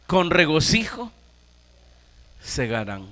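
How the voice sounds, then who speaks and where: A Nicaraguan pastor preaching a sermon, emphatic, firing rhetorical questions at the congregation. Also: male voice, fairly high pitch, very animated, slow, sharp tone, in a large hall.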